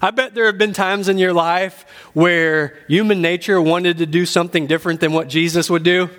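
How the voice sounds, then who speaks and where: A man's voice: high voice, steady tone, moderate pace, a bit bright. A man giving an earnest sermon as pastor, speaking at a pulpit microphone and repeating key phrases for emphasis. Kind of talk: sermon teaching.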